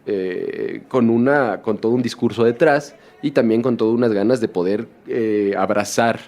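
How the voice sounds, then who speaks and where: A man's voice: mid-range voice, moderate pace, darkish tone. A man from Mexico, a documentary filmmaker talking through his work in a casual interview, reflective and full of restarts. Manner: reflective, many restarts and fillers.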